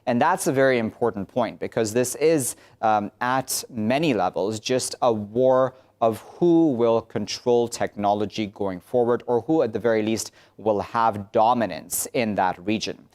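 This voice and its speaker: A man's voice: medium pitch, unhurried, few pauses, darkish tone. A man hosting a news panel, introducing guests and putting questions to them, with frequent fillers and restarts. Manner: hesitant, many fillers and restarts. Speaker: news show host. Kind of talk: moderating a panel discussion.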